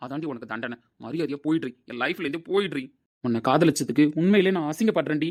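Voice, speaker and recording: Casting: a man as a bitter young lover, rapid shouted rebukes, slightly high voice. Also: animated. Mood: furious, hurt. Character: angry young man hurt in love.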